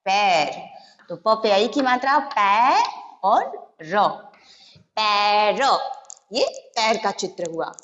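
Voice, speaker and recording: A primary school Hindi teacher with a medium-pitched, slightly bright voice patiently sounds out syllables one by one for young children. She's animated, drawing out words and pausing often, on a dull lo-fi recording with long hall reverb.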